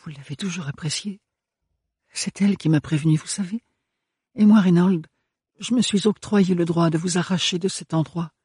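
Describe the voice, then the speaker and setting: A soft, hesitant young woman murmuring her words, timid yet earnest, as a male audiobook reader puts her on. The voice sits higher than his own and stays husky, in a dry, close recording. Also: normal speed, no echo. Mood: contrite.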